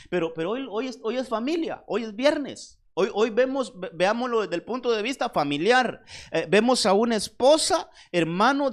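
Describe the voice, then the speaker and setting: Emphatic pastor preaching with repetitions. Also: male voice, high-pitched. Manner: repeats words and addresses listeners as "hermano"; emphatic, slows down on key points. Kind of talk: sermon.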